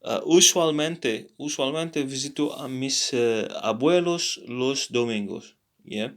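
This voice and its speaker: A tired man teaching a casual language lesson, halting with many fillers and repeats. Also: mid-range voice. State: tired, yawning.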